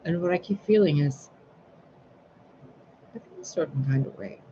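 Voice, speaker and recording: A man's voice: a little high, normal speed. A man talking to camera in a casual vlog, rambling and swearing freely as he vents about his day. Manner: rambling, profane, venting. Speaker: spiritual sign reader. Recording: dull lo-fi recording with clear background noise.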